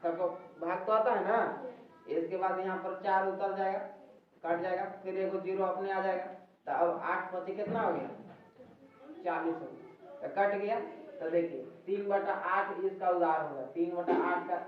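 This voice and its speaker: A man's voice: high voice, steady tone, moderate pace. Man teaching maths in an echoey room. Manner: explains step by step, often checks in with "ठीक है". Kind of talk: classroom lesson at a board. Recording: echoey, distant, dull with faint noise.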